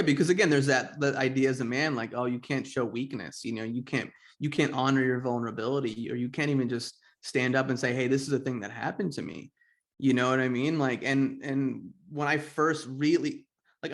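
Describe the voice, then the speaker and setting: With a medium-pitched voice and a fairly quick pace, this US man in his 40s hosts a podcast interview. He talks openly and meanders, often restarting sentences and leaning on fillers.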